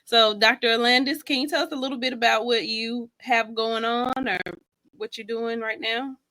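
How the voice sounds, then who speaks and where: A woman's voice: on the high side, steady tone, moderate pace, pushed and bright. A woman hosting a podcast, reading a guest introduction and chatting in an upbeat way. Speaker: podcast host. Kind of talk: scripted guest introduction and casual chat.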